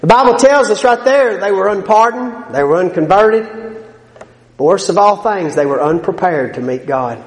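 Lively intonation and a high pitch mark this man's preaching, delivered at normal speed. Speaking emphatically and folksily with plain-spoken asides, he lets his volume swell and drop between points. The setting is a church sanctuary, and the echoey hall carries a long reverb.

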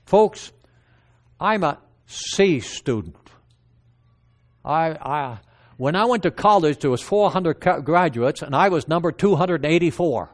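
A man's voice: on the high side, lively intonation. Older Dutch-accented man giving testimony. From Netherlands. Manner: halting, many restarts and fillers. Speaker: preacher. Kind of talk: personal testimony sermon.

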